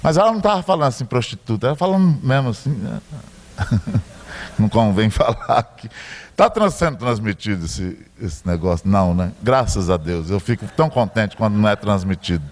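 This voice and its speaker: A man's voice: on the low side, sing-song, fairly quick. A middle-aged man with a Brazilian Portuguese accent, preaching a sermon as a pastor and telling a story with joking asides.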